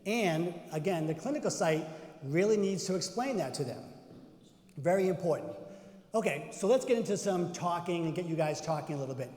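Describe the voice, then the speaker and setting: A man with a Boston accent giving an animated conference presentation, asking the audience questions as he goes. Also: a little high, brisk. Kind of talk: interactive presentation to educators. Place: conference room. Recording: echoey hall, roomy reverb.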